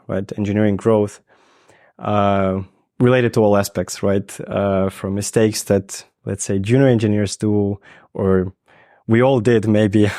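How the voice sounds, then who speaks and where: A man's voice: lowish voice, warm tone, no echo, clean studio sound. A man in his thirties hosting an interview podcast, asking long rambling questions with many fillers. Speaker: podcast host. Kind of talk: casual interview.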